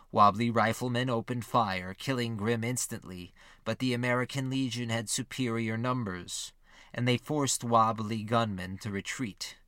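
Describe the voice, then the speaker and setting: A man giving scripted narration for a history podcast, measured and steady, reading quotes with lifted emphasis. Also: on the low side, dry recording, clean studio sound.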